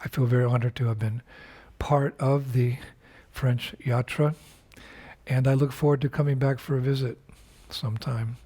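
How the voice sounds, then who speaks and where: An older man records a video message as a spiritual teacher, his voice medium in pitch, mellow, and husky, with fairly even intonation. He speaks in an unhurried, reflective way, with many pauses, fillers, and restarts.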